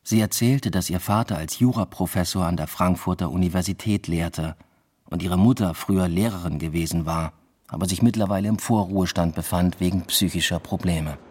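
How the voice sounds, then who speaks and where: Voicing a reserved young man who recounts a new love affair, a male actor narrates a radio drama in the first person with reflective, matter-of-fact understatement. His deep voice is brisk, slightly rough and a little mellow.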